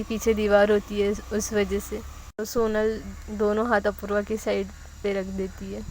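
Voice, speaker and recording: A woman narrating an episode of a love story series in an even, storytelling way. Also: medium pitch, slight background noise, low-quality recording.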